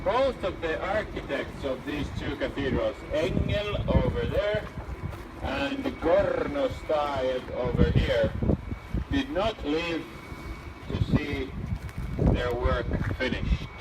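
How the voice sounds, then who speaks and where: A man's voice: medium pitch, lively intonation, slow. Male tour guide, windy and distant. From Finland. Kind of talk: live storytelling to a tour group. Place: outdoors on city streets. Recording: windy, noisy outdoor recording from a distance.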